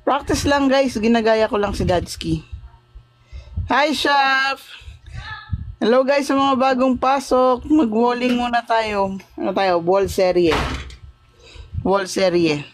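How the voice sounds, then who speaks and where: A woman's voice: fairly high pitch, slow, long pauses. A woman hosting a casual livestream off camera, chatting, greeting and thanking viewers, and teasing them playfully. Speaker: livestream host. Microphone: phone, off camera voice-over.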